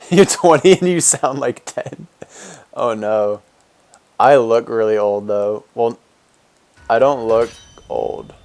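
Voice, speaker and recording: This twenty-something game streamer has a deep voice and chats casually with his audience, responding to chat and rambling with fillers and false starts. He speaks slowly, with long pauses and a darkish tone.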